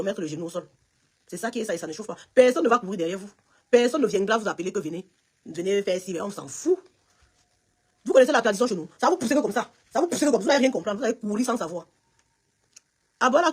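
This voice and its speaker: A Cameroonian woman with a Cameroonian French accent hosts a casual live stream. Her husky voice rattles along at great speed. She talks emphatically and speaks straight to her viewers by name. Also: mid-range voice, expressive, racing. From Cameroon, West region.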